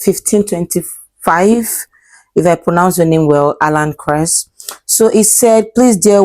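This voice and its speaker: A woman in her twenties with a Nigerian accent, a vlogger and English teacher, talks casually to camera, rambling with fillers and correcting herself. Her voice is lowish and mellow.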